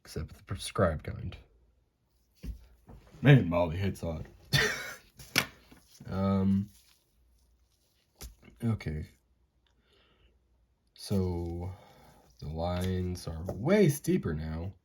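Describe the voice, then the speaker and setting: A man's voice: low-pitched, expressive, drawn-out words, long pauses, darkish tone. A young man with a Southern American accent, rambling and joking to himself while drawing. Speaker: animation channel host. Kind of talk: casual drawing commentary. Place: indoors at home.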